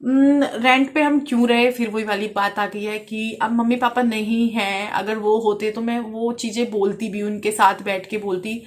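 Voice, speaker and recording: A woman's voice: a little high, steady tone. A woman in her thirties, a vlogger from India, answering viewer questions in a frank, casual way. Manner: frank, talks quickly at times. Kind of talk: casual Q&A chat.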